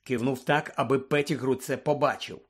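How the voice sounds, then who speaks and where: A man narrating an audiobook in a steady, dramatic reading. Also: mid-range voice, normal speed, breathy edge.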